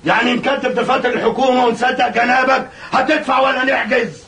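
An actor playing an arrogant, greedy tax collector with an Egyptian accent, officious and threatening, in a historical audio drama. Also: male voice, extremely high pitch, steady tone, fast, sharp tone, full character voice. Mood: bullying. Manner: officious, bullying. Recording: distant, faint noise.

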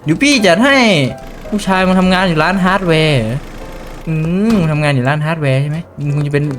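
A man hosting a casual let's play, swearing constantly and reading the game's text aloud and translating it as he goes, with excitable outbursts. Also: on the high side, quick pace, faint music behind. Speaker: gaming channel host.

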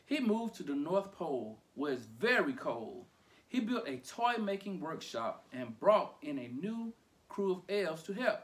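Animated man reading a children's story. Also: fairly high pitch, a little slow. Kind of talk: read-aloud children's storytime.

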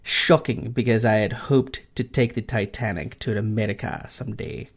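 A man playing an old man remembering an Irish orphan boyhood, in a deliberately bad, hammy Irish accent. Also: lowish voice, steady tone. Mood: mock nostalgic. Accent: fake Irish. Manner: hammy, self-mocking storytelling.

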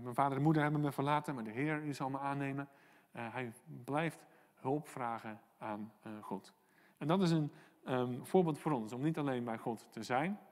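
A man preaching a sermon as pastor, earnest and encouraging, pausing often with "eh" and "ehm" and reading out prayers from the psalm. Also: mid-range voice, in a large hall. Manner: earnest, encouraging, many hesitations and quoted prayers. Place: church hall.

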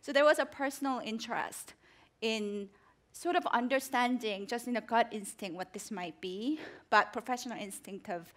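A woman's voice: a little high, moderate pace, fairly bright tone. A South Korea-born woman in her forties, speaking earnestly in an onstage interview with fillers and restarts. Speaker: guest author. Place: large theater stage with audience. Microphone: headset mic.

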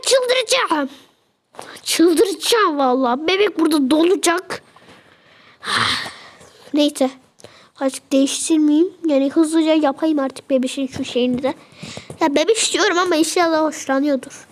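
A woman's voice: high-pitched, normal speed, long pauses, darkish tone. A young woman chatting casually as she narrates a game, fretting and exclaiming as she goes. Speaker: game video creator.

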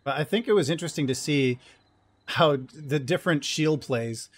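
A man casting a tactical shooter tournament as play-by-play commentator, excitable and quick to burst into loud exclamations. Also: a little high. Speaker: esports caster.

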